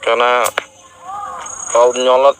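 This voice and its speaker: A man's voice: medium pitch, level tone, takes it slowly, noisy background. A man hosting, casually coaxing and questioning a spirit in a possession session, with hesitations. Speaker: host.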